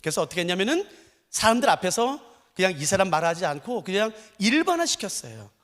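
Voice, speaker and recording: A middle-aged man preaching a sermon as pastor, telling stories with animated swings from hushed to loud. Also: high voice, fast talker. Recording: long reverb of a large church hall.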